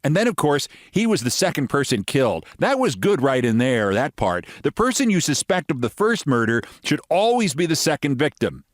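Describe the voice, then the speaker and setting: A man's voice: a little high, sing-song, normal speed, hardly any pauses, dry recording, clean studio sound, pitched above the performer's own voice. A man reading a humorous short story, voicing a chatty, emphatic, opinionated woman. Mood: knowing, confident. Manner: emphatic, gossipy, matter-of-fact certainty. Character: opinionated, chatty American woman, avid detective-story fan.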